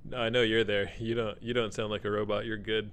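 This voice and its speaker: A man's voice: fairly low pitch, flat delivery, a little fast, a bit bright, a little hiss or hum. A man hosting a game stream, talking casually and laughing often into a desk mic on an arm. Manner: easygoing, chatty, laughs often. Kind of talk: casual gaming chat.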